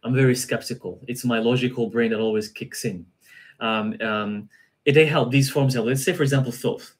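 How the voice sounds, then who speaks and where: A guest practitioner chats casually on a live stream, a man with a medium-pitched voice speaking at a moderate pace. He sounds relaxed, laughs often, and tends to repeat his phrases.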